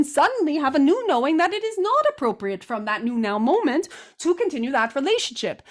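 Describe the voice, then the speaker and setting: A woman channeling guidance like a seance medium, with formal, deliberate, stilted phrasing. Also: high voice. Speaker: trance channeler giving guidance.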